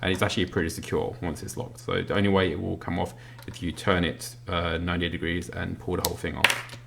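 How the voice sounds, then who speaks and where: Sitting at a table indoors, a man gives a casual, unscripted product review in a hesitant, matter-of-fact way. His low voice is gravelly, bright, and forceful, with a flat, fast delivery, captured in a noisy home recording full of clicks.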